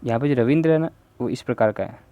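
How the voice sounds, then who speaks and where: A fast-talking man with a medium-pitched, dark voice and a Rajasthani accent leads a Hindi grammar exam prep lesson, recorded without echo. He steps through each answer option and invites viewers to give their answers.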